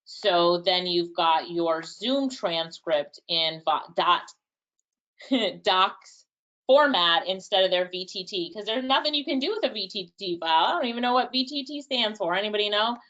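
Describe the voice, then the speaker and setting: A woman with a Jamaican accent leads a live webinar, chatting casually as she answers questions from the chat, thinking aloud and laughing a little. Her mid-range, fairly bright voice has lively intonation at a normal speed, with the highs cut off.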